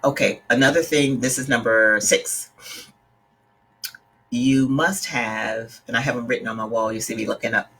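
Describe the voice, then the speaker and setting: A woman's voice: very deep voice, steady tone, moderate pace, fairly bright tone, slightly rough. A middle-aged woman from the Bahamas, a life coach talking casually to her live-stream viewers in an earnest, direct way and greeting them by name. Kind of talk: casual livestream talk.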